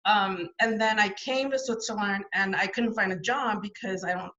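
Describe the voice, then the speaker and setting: Speaking at a normal rate with a medium pitch, this woman has a bright, forceful tone captured in lo-fi sound. She's an interview guest on a video call, not a native French speaker, telling her story casually with lots of restarts and filler words.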